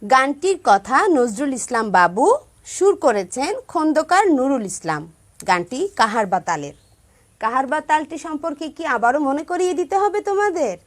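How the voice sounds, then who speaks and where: High, lively woman teaching children. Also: normal speed. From Bangladesh. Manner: patient, stresses careful pronunciation, checks in with pupils. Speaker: primary school music teacher. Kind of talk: classroom song lesson for children.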